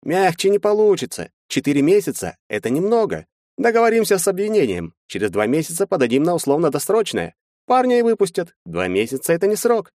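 Guy doing a slick smiley lawyer, higher voice, glib and soothing, dry close mic. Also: huge pitch swings, fast, darkish tone, no echo. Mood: smooth. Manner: glib, reassuring, falsely smiling. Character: smooth slick middle-aged male lawyer.

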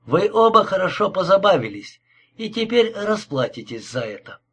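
A cold, courteous killer speaks with polite mockery, as a male reader puts him on. His voice is husky and set fairly high, and he never hurries. It is an audiobook thriller. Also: very animated, fairly bright tone, exaggerated voice. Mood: cold menace. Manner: politely mocking, unhurried.

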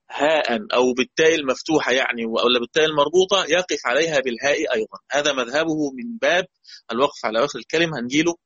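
A man's voice: mid-range voice, fairly bright tone, breathy edge, dull audio. A man with an Egyptian Arabic accent teaching a Quran recitation lesson, patiently repeating key points and putting questions to his students. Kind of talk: explanatory lesson.

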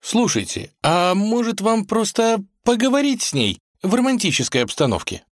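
A man doing a timid, high-voiced young suitor. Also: big pitch swings, moderate pace, no room sound, clean studio sound. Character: timid young male suitor, shy dreamer.

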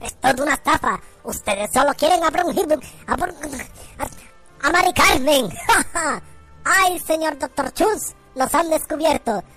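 A woman voicing a cartoonish nut character who hams up a comic film retelling with squeaky, exaggerated voices. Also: animated, a little slow, fairly bright tone, soft background music. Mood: hammy.

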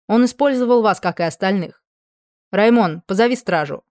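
A woman's voice: mid-range voice, animated, normal speed, a little mellow, no room sound, natural voice. A woman voicing a cold, sardonic middle-aged king who talks in a cutting way, in a dry recording. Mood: stern.

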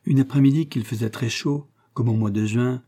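A man's voice: medium pitch, fairly even intonation, normal speed, mellow, natural voice. A man reading as a haunted aristocratic countess. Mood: grave, intense. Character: aristocratic woman confessing dark temptation.

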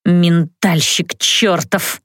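A woman's voice: fairly low pitch, very animated, a little slow, no room sound, studio quality. A woman voicing a stern, fiery middle-aged mother in an audiobook, speaking sharply and scoldingly. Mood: stern, angry. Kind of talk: audiobook character voice.

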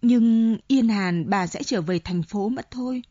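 A woman voicing a timid old country man who asks halting, shaky questions, on a dull lo-fi audiobook recording. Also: a little high, mellow, no echo. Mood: shaken.

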